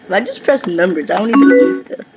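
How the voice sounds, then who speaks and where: A woman's voice: mid-range voice, lively intonation, quick pace, low-quality recording. A woman hosting a gaming channel, giving casual let's-play commentary and reading chat lines aloud in playful voices. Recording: music playing behind the voice.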